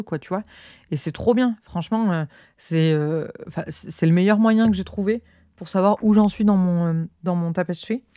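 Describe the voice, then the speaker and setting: Crocheting as she talks, a podcast host with an Auvergne accent from the Cantal rambles casually, using lots of fillers. Her voice is fairly low and warm, captured dry and clean on her own close studio mic.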